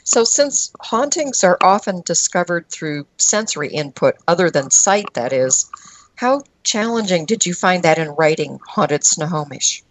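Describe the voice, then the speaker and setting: A woman's voice: fairly low pitch, big pitch swings, unhurried, dry recording, low-quality recording. A woman co-hosting a podcast, putting scripted questions to a guest. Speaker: podcast co-host, interviewer.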